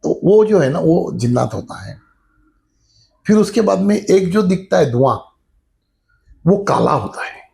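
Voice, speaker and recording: A middle-aged man with a gravelly, crackling voice that sits a little high for a man talks through a spiritual lesson like an informal chat. He explains things step by step and keeps dropping the same filler phrase as he goes, easing into a story from his own childhood. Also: big pitch swings, measured pace, long pauses, a little mellow. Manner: conversational, repeats the filler "jo hai na" often. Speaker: spiritual teacher. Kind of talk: casual spiritual talk with storytelling.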